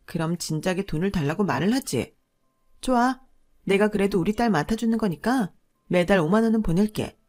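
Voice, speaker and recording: A woman's voice: medium pitch, lightly acted. A woman voicing a bossy, greedy middle-aged sister-in-law who talks rudely and demands money, in a radio drama. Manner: shouting, rude, demanding.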